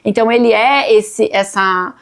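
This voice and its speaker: Gravelly Brazilian woman telling stories. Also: mid-range voice, a little slow. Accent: Brazilian Portuguese. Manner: animated storytelling, acting out family quotes. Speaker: guest, physician and business owner. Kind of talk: casual podcast conversation.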